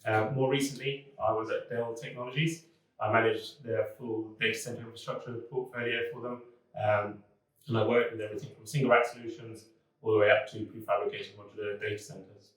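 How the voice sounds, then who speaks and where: A man, a business development manager, speaking in a relaxed, conversational way in a corporate talking-head video. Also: fairly low pitch, a little fast. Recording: very echoey room, mic far off.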